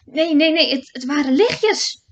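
Woman doing a panicky shouting little brother. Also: expressive, slight background noise. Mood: agitated. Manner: loud, shrill and rushed. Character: frightened young brother, breathless and excitable. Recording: dull lo-fi recording.

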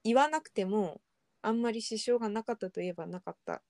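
A young woman in relaxed podcast chat, speaking candidly and haltingly, often pausing on fillers. Her voice is mellow and on the dark side. It sits dry and close to the mic. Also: mid-range voice, no room sound. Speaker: podcast co-host. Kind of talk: casual chat.

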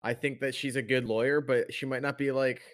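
Laid-back guy hosting a podcast, chill mid-pitch voice. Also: level tone, brisk. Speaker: podcast host. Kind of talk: casual podcast chat.

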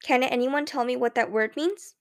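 A woman voicing a polite, prim schoolteacher who speaks to her class with measured, formal diction. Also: high-pitched. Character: female schoolteacher, polite, prim, quietly pitying.

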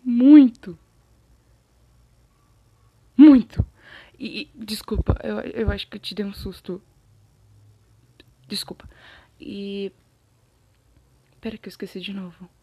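Brazilian woman, storytime vlogger: mellow, chatty, scratchy throat, dry close sound. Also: mid-range voice, unhurried, long pauses, husky, no room sound. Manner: chatty, animated, loses her thread and apologizes. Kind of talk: casual storytime monologue.

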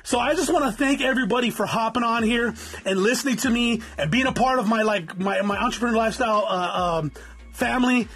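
Podcast host, man in his forties, fast and rambling with a stuffy nose, husky high voice. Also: fairly bright tone. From Southern California. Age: 40s. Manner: rambling, repeats words, cusses freely. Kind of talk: casual unscripted podcast monologue. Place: home in the desert.

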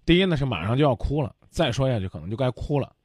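A man's voice: medium pitch, very animated, fast, darkish tone, dry recording, studio quality. A man hosting a radio advice show, blunt and lecturing, cutting his caller off to press her.

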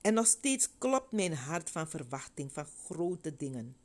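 A woman's voice: sits low, big pitch swings, unhurried, a little mellow, exaggerated voice. A woman voicing a weary, devout mother who speaks in an earnest, heartfelt way.

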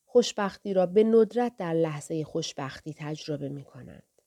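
A woman narrating an audiobook in a soft, measured way, sometimes dropping almost to a whisper. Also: lowish voice.

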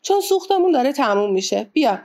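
Woman doing a calm, curt gentleman, Mr. Fogg. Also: high-pitched, voice pushed up. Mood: composed. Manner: curt, composed commands. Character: calm, determined rich English gentleman.

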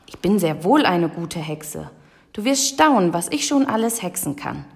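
A woman reading a children's audiobook and voicing a cheeky, adventurous little witch, her voice slightly gravelly. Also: on the low side, normal speed. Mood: defiant. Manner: lively and cheeky.

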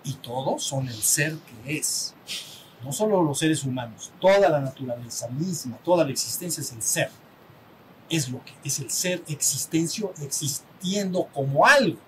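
A man's voice: expressive, moderate pace, poor audio. A man with a Mexican accent, a spiritual teacher talking to a small group in a conversational way. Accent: Mexican Spanish. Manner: conversational, asks the group for assent, acts out little dialogues. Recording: faint rumble behind.

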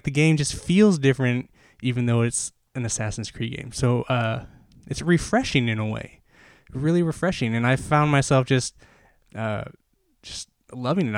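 Guy doing a solo podcast, rambly and excited, kinda winded, dry close mic. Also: mid-range voice, dry recording. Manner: rambling and enthusiastic, many fillers and restarts. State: slightly out of breath. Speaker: podcast host.

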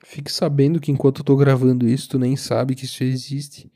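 A sleepy young man with a southern Brazilian accent talks casually by himself as a podcast host, in an informal, halting, meandering way. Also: mid-range voice, level tone, mellow. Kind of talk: casual solo monologue, rambling. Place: recorded lying down, alone.

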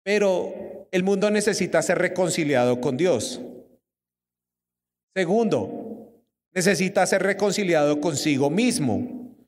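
A young man with a Colombian accent preaching a sermon, lively and keeps putting questions to his listeners. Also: high voice, measured pace, long pauses. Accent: Colombian Spanish. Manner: lively, asks the audience questions. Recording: long hall reverb.

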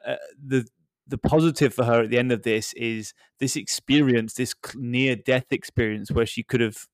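A man's voice: medium pitch, steady tone, moderate pace, dry recording. A man co-hosting a podcast in casual discussion, thoughtful and rambling with fillers. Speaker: podcast co-host. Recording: dry close mic.

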